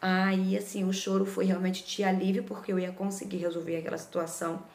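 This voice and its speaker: A woman's voice: mid-range voice, fairly quick, creaky, reverberant. A woman with a Brazilian Portuguese accent, a mother and vlogger, chatting animatedly as she tells a personal story. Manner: chatty, lively, frequent "né?" tag questions. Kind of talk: casual storytelling vlog.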